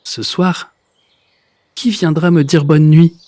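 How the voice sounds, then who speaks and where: A man reading a storybook, voicing a gentle, fretful old man who pleads softly. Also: a little high, fairly even intonation, takes it slowly, dry recording. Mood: sad.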